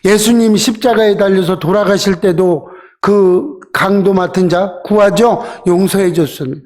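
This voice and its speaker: Male pastor, higher voice, conversational sermon that leans on rhetorical questions and little acted asides. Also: fairly even intonation, normal speed, darkish tone. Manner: acts out quoted voices in short dramatized asides.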